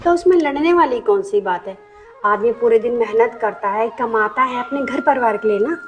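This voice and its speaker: A woman's voice: fairly high pitch, normal speed, muffled recording, music in the background. A woman acting in a comedy skit, chatty and opinionated.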